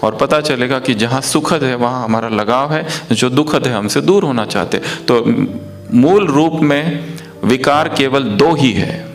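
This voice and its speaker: A man leads a spiritual meditation lesson at a middle pitch, slow and repetitive, as if chanting key phrases. He keeps asking his listeners questions. Soft music plays faintly behind him. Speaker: meditation teacher.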